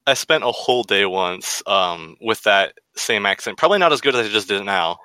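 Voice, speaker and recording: A man's voice: on the low side, lively intonation, a little fast, pushed and bright, clear, resonant tone, dry recording. A man co-hosting a casual chat from his bedroom, joking at his own expense and swearing freely. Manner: self-mocking, swears freely. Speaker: podcast co-host. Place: bedroom at home.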